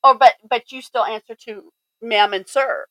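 A woman's voice: a little high, fairly even intonation, normal speed, a crowd in the background, poor audio. A woman in her fifties from Colorado co-hosting a casual podcast chat, talking freely and often restarting her words. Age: 50s. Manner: chatty, restarts and repeats words, laughs easily. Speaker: podcast co-host.

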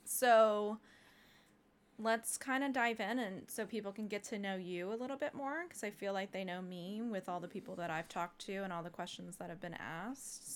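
Chatty young woman hosting a podcast. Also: mid-range voice. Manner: chatty, laughing, quick asides. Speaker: podcast host. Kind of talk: casual interview chat. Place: home room with a dog.

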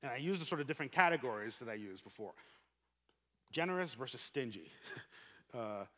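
Guy preaching a sermon, earnest, punchy then soft, mid voice, big echo-y church hall. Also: medium pitch, expressive, fairly quick. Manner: earnest, emphatic, rising for emphasis then dropping soft. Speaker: pastor. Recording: long hall reverb.

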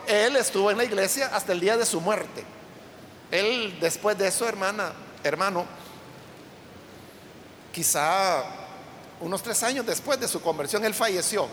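A male preacher with a very high, bright voice tells a story from the pulpit and turns to the congregation with questions. His sermon echoes through a long church hall, and a faint rumble sits behind it. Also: gravelly.

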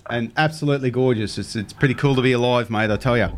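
A man's voice: medium pitch, quick pace, slight background noise. A man with a Queensland Australian accent hosting a radio show, chatting casually and chummily with callers. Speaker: radio fishing show host. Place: radio studio.

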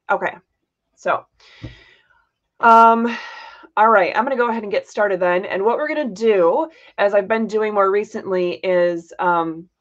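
A woman of middle pitch hosts a live podcast, talking casually and rambling a little, with frequent fillers and playful jabs. Her audio is slightly muffled and lo-fi, like a streamed call. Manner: chatty and rambling, many fillers and self-corrections; playful teasing. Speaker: podcast host. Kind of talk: casual livestream chat.

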